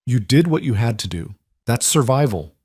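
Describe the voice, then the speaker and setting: A man voicing a calm, firm woman who comforts gently but speaks with authority. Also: medium pitch, moderate pace, husky, no echo, clean studio sound.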